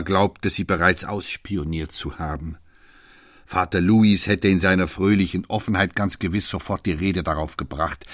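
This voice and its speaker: Male narrator, deep, husky, measured, dry recording. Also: no echo. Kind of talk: audiobook reading.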